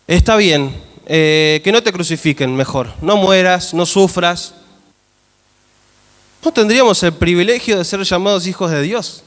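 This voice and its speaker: A man's voice: on the high side, fairly bright tone. A man pastor with a Rioplatense Spanish accent, preaching an emphatic sermon and asking the congregation questions in a church hall. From Argentina. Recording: long church-hall reverb.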